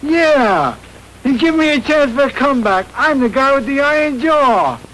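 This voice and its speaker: A dim-witted, washed-up boxer in a 1930s radio play. His voice sits very high and swings widely, and he talks in a slow, simple, eager way. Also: animated, fairly bright tone, slight background noise, low-quality recording.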